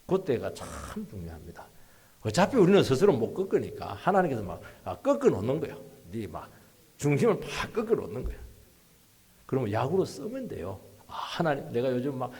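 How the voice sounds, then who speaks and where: A male pastor preaching a sermon, swinging between hushed asides and loud, emphatic rises, in a church sanctuary. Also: mid-range voice, huge pitch swings, a little fast, breathy edge.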